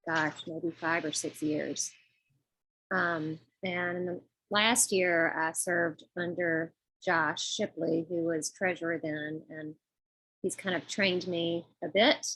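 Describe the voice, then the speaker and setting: A woman gives a semi-formal financial report on a group call, speaking politely and informally with hesitant pauses. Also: on the low side, fairly bright tone, no room sound, poor audio. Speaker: finance committee treasurer presenting budget report.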